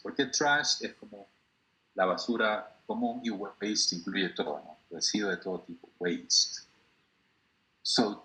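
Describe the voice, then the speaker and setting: Slow, patient male English teacher. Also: on the low side, pushed and bright, low-quality recording. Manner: slow, patient, repeats words for drilling. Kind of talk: classroom language lesson.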